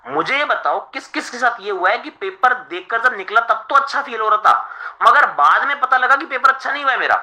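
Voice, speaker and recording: Male exam tutor on a live stream: chatty, lively pitch, bright voice, asks the students rhetorical questions. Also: brisk, rough recording. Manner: chatty, addresses listeners as friends, rhetorical questions. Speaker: exam coaching teacher.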